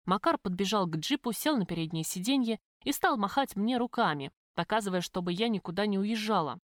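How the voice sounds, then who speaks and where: Woman narrator for a first-person audiobook, expressive, mid pitch, dry close sound. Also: brisk, no room sound. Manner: lively, expressive reading.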